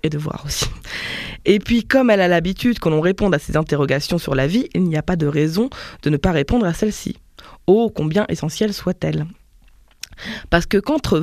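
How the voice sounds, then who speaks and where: A woman's voice: fairly low pitch, warm tone, no echo. Woman host, wry and chatty, dry close sound. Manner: wry, conversational. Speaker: podcast host. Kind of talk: casual narrated chat.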